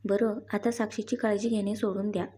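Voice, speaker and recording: A woman's voice: medium pitch, little pitch movement, a little fast, mellow, slightly rough, lightly acted. A woman voicing a young husband who talks firmly and teases his wife. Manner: firm, then playful. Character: young husband, brisk and teasing.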